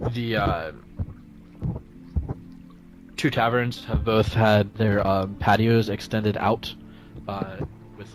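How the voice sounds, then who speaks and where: A man narrating casually as game master, improvising hesitantly with lots of pauses. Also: on the low side, low-quality recording.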